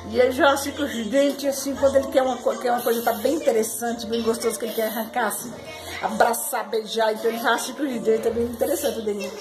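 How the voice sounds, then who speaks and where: A woman's voice: on the high side, steady tone, fast talker, reverberant, music in the background. A woman from Pernambuco with the local accent, a mother chatting playfully with her babies and her vlog viewers in coaxing baby talk. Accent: Pernambuco Brazilian Portuguese. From Pernambuco, Brazil. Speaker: mother and family vlogger. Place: family home indoors.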